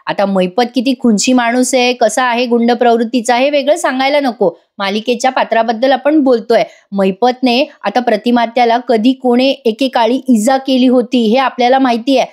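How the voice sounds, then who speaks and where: A woman giving a voice-over recap of a TV serial, telling it in a lively way and speaking straight to her viewers. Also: a little high, normal speed, hardly any pauses. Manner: lively storytelling, addresses viewers directly. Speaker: serial reviewer.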